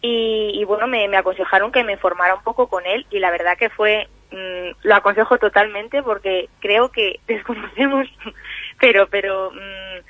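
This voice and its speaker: A woman's voice: mid-range voice, no echo. A young woman in her twenties, a phone-in guest on a radio show, talking hesitantly with many fillers and restarts. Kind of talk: casual radio interview over the phone. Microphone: telephone. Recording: muffled phone line.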